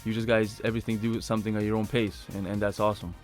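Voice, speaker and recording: Fast-talking man, hesitant. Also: fairly low pitch, little pitch movement, darkish tone, faint music behind. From Lithuania. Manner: hesitant, many restarts and fillers. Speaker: basketball player guest. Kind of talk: casual radio interview.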